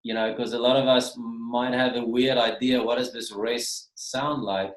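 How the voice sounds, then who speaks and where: A man's voice: mid-range voice, little pitch movement, a little slow. A man teaching as a minister in a casual, rambling way that often repeats and restarts words, heard over a video call. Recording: roomy video call audio.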